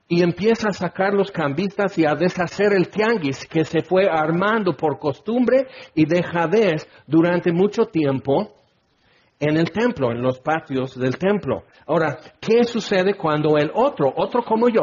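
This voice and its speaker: A preacher with a fairly high, husky voice delivers an animated sermon. He slips into little acted voices to make his points. The recording is dull and lo-fi. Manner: animated, acts out little scenes with put-on voices.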